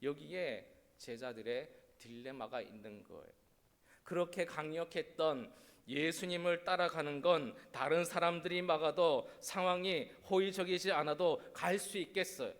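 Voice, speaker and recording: Male pastor, fairly high-pitched, preaching emphatically with rhetorical questions; church sanctuary with a long echo. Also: normal speed. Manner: emphatic, rhetorical questions, has congregation repeat phrases. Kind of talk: Palm Sunday sermon. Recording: long reverb of a church hall.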